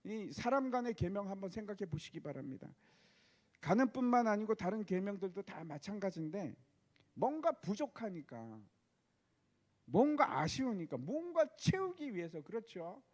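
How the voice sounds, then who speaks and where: High-voiced man preaching a sermon. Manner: preaching with rhetorical questions. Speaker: pastor.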